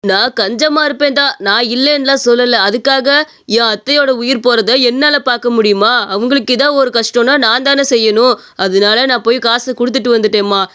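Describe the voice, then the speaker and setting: A voice actor with a Tamil accent playing a stingy, calm husband in a cartoon story, talking things through. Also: medium pitch, a little fast, clean tone, natural voice. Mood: earnest. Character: stingy middle-aged husband, calm and penny-pinching.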